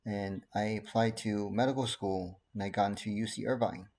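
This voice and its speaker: Calm, earnest man in his forties. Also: fairly low pitch. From Taiwan. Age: 40s. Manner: calm, earnest, measured with frequent fillers. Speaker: pediatrician. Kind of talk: casual talk to camera. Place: living room at home. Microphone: laptop webcam.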